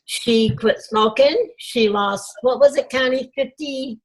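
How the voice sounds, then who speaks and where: Older woman telling a halting story. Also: high voice, low-quality recording. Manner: halting, many fillers. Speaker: group member. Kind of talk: personal storytelling.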